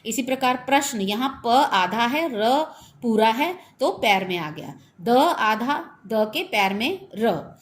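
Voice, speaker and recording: Indian woman teaching a class, higher voice. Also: expressive, slow pace. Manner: explains step by step, mixing in English words. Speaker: school Hindi teacher. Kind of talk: online class lesson.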